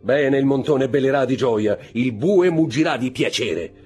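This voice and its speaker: A man's voice: medium pitch, lively intonation, measured pace, darkish tone, husky, faint music behind, pitched above the performer's own voice. A man voicing a cold, bitter aristocratic count who speaks in a sardonic, declaiming manner.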